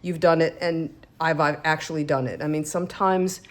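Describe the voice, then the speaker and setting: Chatty woman demonstrating crafts, lowish voice. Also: steady tone, normal speed. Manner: chatty, self-deprecating, talks while working. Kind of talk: casual craft tutorial.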